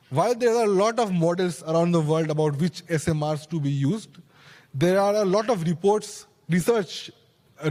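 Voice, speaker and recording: A young man on a conference panel talks earnestly, his slightly high, a little mellow voice punctuated by quick restarts and asides. He uses a handheld mic, which picks up a long reverb from the large stage hall.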